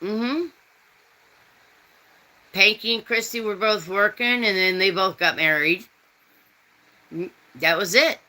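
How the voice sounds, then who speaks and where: Slow, rambling woman chatting with viewers. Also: mid-range voice, bright, forceful tone, low-quality recording. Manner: rambling, folksy, reads out chat comments. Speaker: host. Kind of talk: casual chat.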